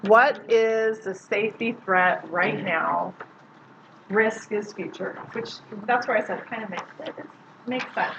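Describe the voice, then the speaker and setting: A woman's voice: medium pitch, a little slow. Woman social worker teaching a class, chatty, muffled noisy recording. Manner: casual, conversational, quizzes the audience. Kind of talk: classroom lecture. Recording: muffled lo-fi recording with loud background noise.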